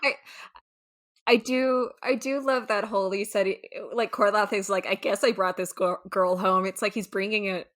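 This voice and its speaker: A woman's voice: medium pitch, fairly even intonation, normal speed, fairly bright tone. A woman co-hosting a casual book club podcast, giggling and acting out characters' lines. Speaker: podcast co-host.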